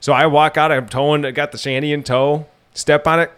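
Brisk and a bit bright, this man's clean, high-leaning voice keeps a fairly even intonation. He's in his thirties, hosting an outdoors podcast with a head cold that makes him nasal, and he rambles through lengthy stories in casual chat, restarting often.

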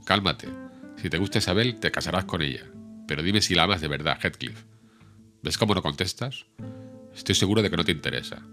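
A man reading the lines of a proud, fiery young woman in an audiobook, sharp and imperious. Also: deep voice, expressive, a little fast, pauses often, faint music behind.

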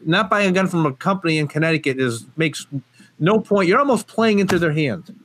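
A guest from a gun company, born in Portugal and raised in the US, speaks on a casual podcast interview in a slightly high, expressive, fairly bright voice. He talks briskly and emphatically, full of fillers and restarts.

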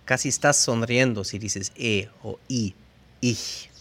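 Here a man with a medium-pitched, slightly bright and slightly rough voice walks learners through pronunciation. His demonstration of sounds and spelling is slow and careful.

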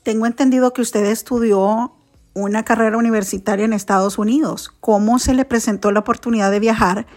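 Woman hosting a podcast, polite formal questions, warm low tone. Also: steady tone, brisk. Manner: formal, polite, uses usted. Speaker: podcast host. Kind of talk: scripted podcast intro and interview questions.

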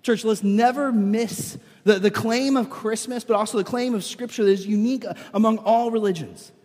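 An American man preaching to a congregation in an informal, earnest way, his voice froggy and hoarse from being under the weather. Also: sits high, normal speed, darkish tone. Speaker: lead pastor. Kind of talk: sermon to a congregation. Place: church, speaking live to congregation. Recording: reverberant large-room sound.

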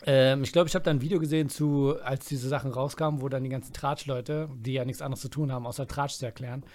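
A man co-hosting a casual comedy podcast, rambling and quick to slip into voices. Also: medium pitch, steady tone, darkish tone. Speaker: podcast co-host.

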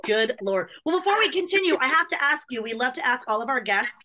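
A woman with a fairly high, bright voice talks at a rapid clip. She co-hosts a casual chat, gushing and enthusiastic as if interviewing on a red carpet. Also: very animated. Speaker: podcast co-host.

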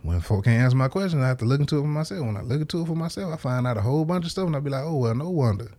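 A man's voice: mid-range voice, expressive, rapid-fire, warm tone. A man hosting a podcast, talking in a laid-back, rambling way and laughing often. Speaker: podcast host. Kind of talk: casual conversation.

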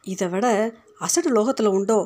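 A harried young mother who snaps through gritted teeth, read by a woman. She speaks at a middle pitch in short, irritable lines. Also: expressive, unhurried, dark tone. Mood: irritated.

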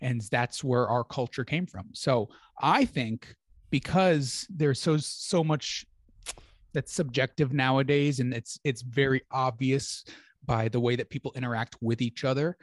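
A man hosts a casual podcast chat, sitting mid-range in pitch. He jokes easily and lays out his views at length. The sound is dry and close, with no room in it. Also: a little slow, no room sound. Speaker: podcast host.

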